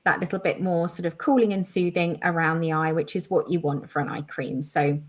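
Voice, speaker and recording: An enthusiastic woman co-hosts a live online quiz. She explains each answer at length in relaxed, chatty talk. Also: on the low side, fairly quick. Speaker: education manager co-hosting a live quiz. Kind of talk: casual live-stream chat.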